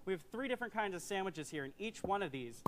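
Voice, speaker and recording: Fast, high-voiced man, home shopping presenter. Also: expressive, noisy background. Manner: explanatory, salesmanlike. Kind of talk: home shopping product demonstration pitch.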